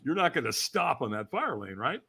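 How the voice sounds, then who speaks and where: Lively, bright-voiced storytelling man in his sixties. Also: mid-range voice, fairly quick, gravelly, husky. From California. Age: 60s. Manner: lively, acts out quoted voices, laughs while telling. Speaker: podcast guest. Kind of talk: animated storytelling.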